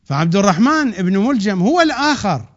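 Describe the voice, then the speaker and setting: A man giving a religious lecture, swinging from loud drawn-out emphasis to quick low asides. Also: very animated. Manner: rising to emphatic peaks, then dropping low and rushing; draws out key words slowly. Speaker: preacher. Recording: dull lo-fi recording.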